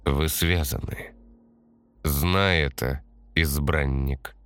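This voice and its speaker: A man voicing a mysterious young woman who speaks softly and solemnly in an audiobook. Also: very deep voice, fairly even intonation, moderate pace, dry recording. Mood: hushed solemn. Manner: soft, hushed, solemn. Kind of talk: audiobook narration.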